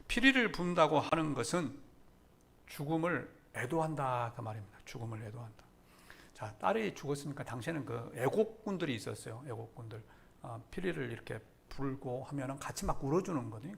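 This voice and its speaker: A man preaching a sermon as pastor, dramatically swinging between loud emphatic declarations and hushed near-whispers, repeating key phrases for emphasis. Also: medium pitch, vocal fry.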